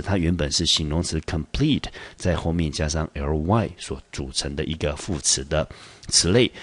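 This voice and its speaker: A man with a Taiwanese Mandarin accent teaching English vocabulary, explaining patiently and slowing down to pronounce each English word. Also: rumbling low, dry recording. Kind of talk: vocabulary lesson.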